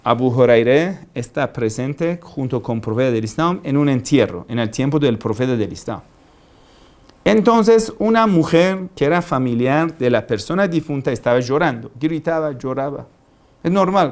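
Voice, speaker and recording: A man's voice: on the high side, expressive, moderate pace, a little mellow. Man preaching emphatically. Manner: emphatic, rhetorical questions, repeats key phrases. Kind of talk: religious lecture.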